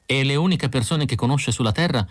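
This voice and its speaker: A man reading an audiobook, voicing a timid, eager lonely man who speaks hesitantly and gently. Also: mid-range voice, fairly quick, no echo, clean studio sound, pitched above the performer's own voice, close to an everyday voice.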